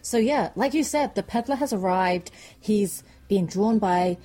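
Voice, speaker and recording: A woman's voice: mid-range voice, unhurried, warm tone. A woman co-hosting a casual book chat, chatty and retelling the plot. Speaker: podcast co-host.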